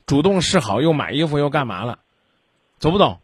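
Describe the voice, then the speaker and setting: A man's voice: fairly high pitch, sing-song, fairly quick, husky, no room sound, studio quality. A man hosting a radio call-in advice show, talking bluntly with scolding sarcasm.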